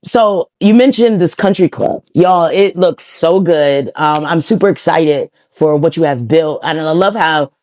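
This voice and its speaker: A woman hosting an interview, playful and quick to push back in a sit-down chat. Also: low-pitched, darkish tone. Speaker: interview host. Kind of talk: unfiltered sit-down conversation.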